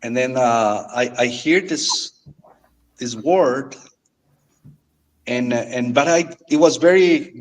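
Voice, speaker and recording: Earnest man, halting speech. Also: medium pitch, low-quality recording. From Mexico. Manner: halting, earnest, repeats words often. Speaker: guest. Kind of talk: casual storytelling.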